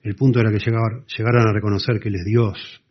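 Earnest low-voiced preacher, husky and muffled. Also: male voice, level tone, fast. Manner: earnest, expository, drops to soft emphasis. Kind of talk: sermon. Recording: dull lo-fi sound.

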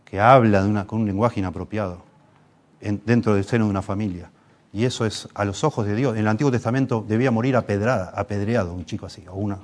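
A man's voice: fairly low pitch, a little mellow. A man with a Rioplatense Spanish accent preaching a sermon, impassioned, pushing his voice up for emphasis and restarting phrases as he goes.

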